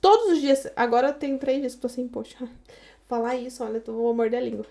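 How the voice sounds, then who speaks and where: Her voice is somewhat high, warm and creaky, and she moves at a quick pace: a Brazilian woman in her thirties guesting on a podcast. With a Brazilian Portuguese accent, she tells her story casually and animatedly, acting out the quoted dialogue.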